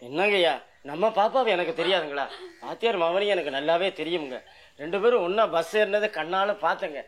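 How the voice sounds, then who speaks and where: A deferential village servant in a television serial, eager and respectful toward his masters. His voice sits slightly high. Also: a little fast, fairly bright tone. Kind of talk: 1990s television serial acting.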